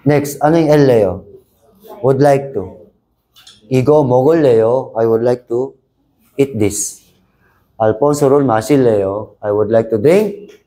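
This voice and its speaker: A man runs a language lesson, moving between Tagalog, English and Korean as he explains grammar. His voice is mellow and warm, and he keeps the class repeating lines together. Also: mid-range voice, takes it slowly, long pauses. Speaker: language teacher. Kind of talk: Korean exam review class.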